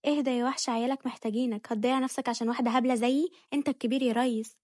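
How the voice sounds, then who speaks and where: Brief: woman playing a sassy spoiled egyptian girl-wife, very fast and high, dry close mic, audio novel. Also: steady tone, a little mellow, no echo, close to an everyday voice. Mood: coaxing. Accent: Egyptian Arabic. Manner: sassy, playful, bratty. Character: spoiled cheeky young wife.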